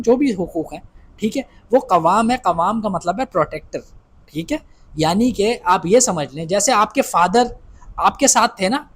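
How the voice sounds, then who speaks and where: A man giving an instructive advice talk to wives, dropping English phrases into his speech and often asking "right?" to check in. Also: high-pitched. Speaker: marriage advice speaker.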